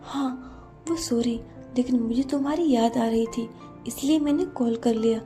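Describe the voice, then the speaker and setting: A woman voicing an anxious, secretive young boyfriend in a narrated storybook, hushed and worried. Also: a little high, moderate pace, faint music behind, natural voice.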